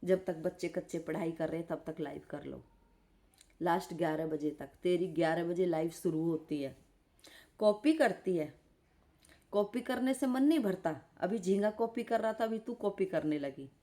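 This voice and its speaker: A woman's voice: on the low side, normal speed, warm tone. A woman live streaming from bed, scolding and insulting someone in an angry roast rant. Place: lying in bed.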